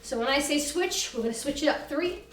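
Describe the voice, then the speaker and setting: A woman fitness instructor leading a class with brisk, commanding, motivational cues and countdowns. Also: high voice, expressive. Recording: roomy echo, distant from the mic.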